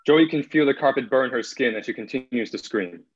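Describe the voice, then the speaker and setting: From a plain room at home, a young man serves as the narrator and actor in a table read conducted by video call. His mid-range voice is slightly rough and a little fast, and the audio has the dull quality of a video call.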